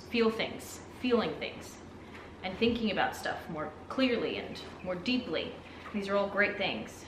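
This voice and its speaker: A woman who speaks English as a second language, chatting casually as she unboxes products, reads labels aloud and swears with excitement. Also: mid-range voice, reverberant, distant mic, a little hiss or hum. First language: not English. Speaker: vlogger reviewing products.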